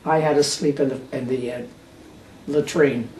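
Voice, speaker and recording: Casting: elderly female American veteran, halting reminiscence, distant mic. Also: a bass voice, steady tone, darkish tone. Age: 80s or older. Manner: old veteran recalling memories in short, halting phrases. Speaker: war veteran being interviewed. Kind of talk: unscripted reminiscing. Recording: roomy, distant microphone with faint noise.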